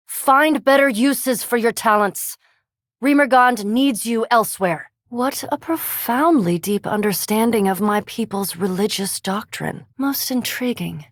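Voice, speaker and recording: An actress gives a light performance as a haughty, scholarly elf vampire from a fantasy video game, her diction formal and precise and her sarcasm dry and disdainful. The female voice is medium in pitch, recorded dry, and the mood is cool yet intrigued.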